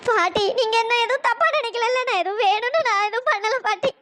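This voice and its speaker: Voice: fast, bright, forceful tone, a little hiss or hum. A voice actor doing a pleading young cartoon woman. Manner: pleading, apologetic. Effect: pitch-raised voice processing. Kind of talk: cartoon storytelling voice acting.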